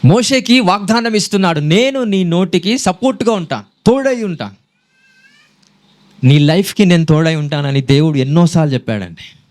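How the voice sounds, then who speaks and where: A man's voice: sits high, normal speed. A man preaching a sermon, quizzing the congregation and mixing in English phrases. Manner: animated preaching, quizzing the congregation, switching between Telugu and English.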